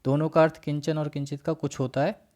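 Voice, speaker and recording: A man teaching a worksheet lesson, reciting word lists in a slow, measured way and then explaining each one. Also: on the high side, little pitch movement, a little mellow.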